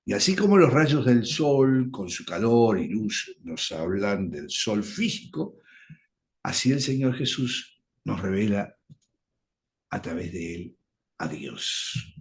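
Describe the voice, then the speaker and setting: A man leads a Bible study on the radio, speaking slowly and deliberately with his pitch swinging widely to stress key words. He comes across as a patient teacher going point by point, and he is very animated.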